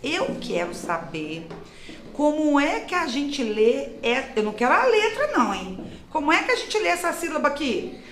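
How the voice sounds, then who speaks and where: Woman teacher, high lively voice, classroom game, roomy noisy recording. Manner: slow, coaxing, questioning children. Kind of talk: leading a classroom syllable game. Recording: echoey classroom with background noise.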